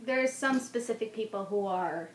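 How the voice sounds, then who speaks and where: A woman's voice: medium pitch, moderate pace. A woman in her twenties chatting casually as co-host of a homemade video. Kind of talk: casual chat. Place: small room indoors. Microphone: tablet at arm's length. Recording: roomy echo, noisy tablet microphone.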